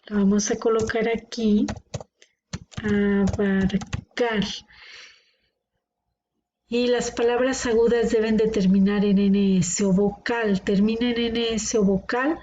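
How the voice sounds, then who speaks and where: Her voice is fairly high and warm, yet her delivery stays flat as this woman moves at a moderate pace with few pauses. She is teaching grammar in a classroom, patiently sounding words out syllable by syllable. The lo-fi recording is dull, with faint background noise.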